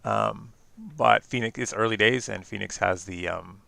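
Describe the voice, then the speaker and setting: A man with a Canadian accent giving chatty live-stream commentary on a card game, quick and full of fillers and restarts. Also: fairly low pitch, gravelly, pushed and bright, dry recording.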